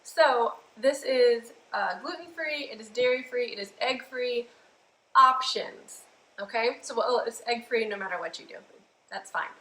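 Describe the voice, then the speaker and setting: A woman with a slightly hoarse voice, hosting a live cooking demo in a chatty, bubbly way full of fillers. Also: fairly high pitch, a little slow, pushed and bright, echoey room, poor audio. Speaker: cooking show host.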